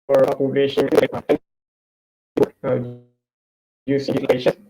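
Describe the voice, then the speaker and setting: A man giving an online tech talk with many pauses and restarts, his mic audio crackling and distorted. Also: medium pitch, monotone, mellow. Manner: halting, many fillers and restarts. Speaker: presenter. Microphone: computer mic on a video call. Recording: muffled crackly call audio.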